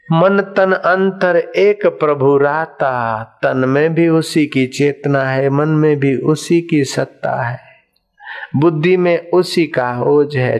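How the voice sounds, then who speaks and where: Gravelly-voiced man preaching a sermon. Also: mid-range voice, a little mellow. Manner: storytelling, playful asides, sung verses. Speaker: spiritual preacher.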